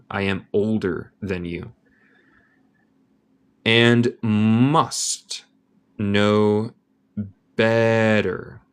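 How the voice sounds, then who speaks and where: A man with an American accent teaches a slow bilingual reading lesson, speaking Spanish as a second language. His voice sits fairly low and he takes his time. He explains each word patiently and thinks out loud as he goes. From Michigan, United States. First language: English.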